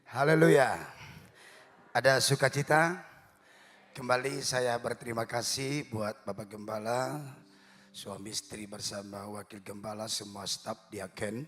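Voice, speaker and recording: A man's voice: fairly low pitch, fairly bright tone. A man preaching as a guest pastor in a church service. He talks in a chatty, joking way, often closing phrases with a tag to the congregation. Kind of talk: sermon. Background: live church music.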